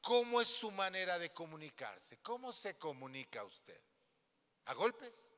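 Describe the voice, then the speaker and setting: A man's voice: high voice, sing-song, a little slow, pushed and bright. A man pastor preaching a sermon in a church, throwing questions at the congregation and acting out little scenes. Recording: long hall reverb.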